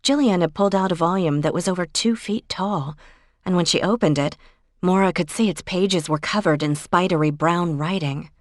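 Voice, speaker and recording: A woman audiobook narrator reading a cozy mystery novel in a measured storytelling manner. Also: on the low side, no room sound, studio quality.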